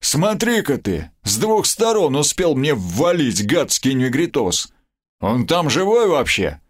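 A man voicing a brash, boastful male brawler who talks in a loud swaggering growl. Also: a little high, sing-song, a little slow, husky, voice pushed up, full character voice. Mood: gruff.

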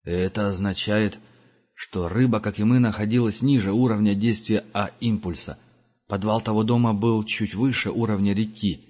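A man doing a jittery young lad in an audiobook, clever and talkative, his speech quick and pleading. The recording sounds dull and lo-fi. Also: lowish voice, fairly even intonation, a little mellow, big-room sound, natural voice. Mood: eager.

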